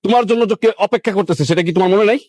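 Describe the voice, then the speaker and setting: A hot-tempered young man fires off accusing questions at high speed, his voice sitting a little high. He sounds possessive and jealous, played by an actor in a stage-like drama. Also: expressive, racing, a little mellow, no room sound, clean studio sound, close to an everyday voice. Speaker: jealous boyfriend. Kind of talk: Bangla TV drama acting.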